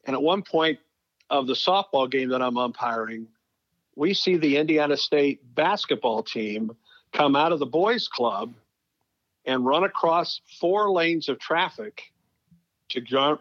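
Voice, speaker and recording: As an interview guest, a middle-aged male sports broadcaster tells stories conversationally, leaning on certain phrases for emphasis. His voice is medium-pitched and fairly bright, and the dry recording has its highs cut off.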